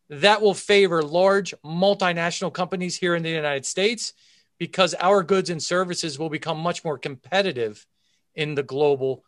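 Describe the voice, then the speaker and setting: Male expert guest, fairly high voice, methodical and emphatic explainer, close dry sound. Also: a bit bright, no room sound. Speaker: chief investment officer, interview guest. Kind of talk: expert market commentary in interview.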